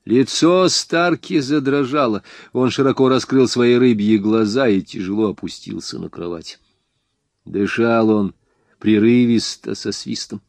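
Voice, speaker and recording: A man narrating a first-person crime novel in an expressive way, with sharp raised outbursts for the hero's lines. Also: mid-range voice, measured pace, no room sound. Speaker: audiobook narrator.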